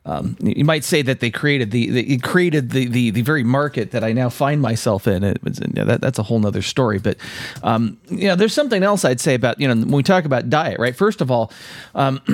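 A man co-hosting a podcast in casual chat, halting and stammering, often repeating the starts of his words. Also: mid-range voice, animated, gravelly, no echo. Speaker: podcast co-host.

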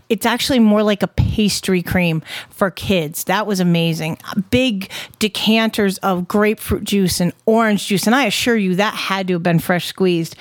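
A woman's voice: medium pitch, no room sound. A woman with a Southern US accent co-hosting a podcast, telling stories casually in an emphatic, folksy, sweary way. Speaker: podcast co-host. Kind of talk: casual conversational storytelling.

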